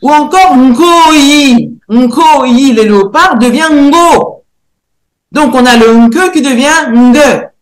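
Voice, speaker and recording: A woman researcher giving a lecture presentation, pausing often to search for words and spelling out sounds slowly and carefully. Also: high-pitched, reverberant. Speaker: researcher and theologian presenting a decoding.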